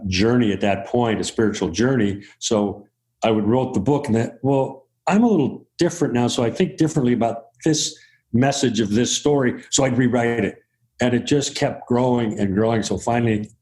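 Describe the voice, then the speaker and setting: A man's voice: lowish voice, darkish tone. A man, a board game designer and author, talking in a rambling, stammering, self-deprecating way on a video call interview. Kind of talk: casual interview talk.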